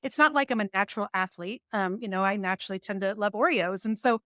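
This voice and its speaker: A business coach and author in her forties tells stories casually during a podcast interview, animatedly acting out her inner dialogue with laughs. Her medium-pitched voice moves quickly, recorded cleanly in a studio with no echo.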